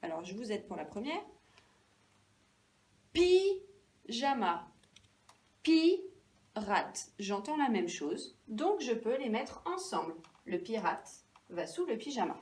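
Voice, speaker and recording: A woman teacher giving a lesson to young children, speaking slowly and clearly, stretching out syllables and encouraging them. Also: mid-range voice, very animated, a little mellow, far from the mic.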